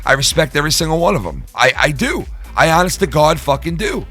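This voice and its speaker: Man, live show host, bright forceful voice, swearing and rambling, faint music behind. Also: a little high, big pitch swings, fast, breathy edge. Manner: profane, rambling and emphatic. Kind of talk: casual livestream talk.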